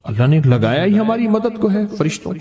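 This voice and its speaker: An animated man preaching and telling a story, emphatic and fond of repeating his phrases. His voice sits a little high and swings widely. A crowd is clearly heard around him. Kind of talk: sermon storytelling.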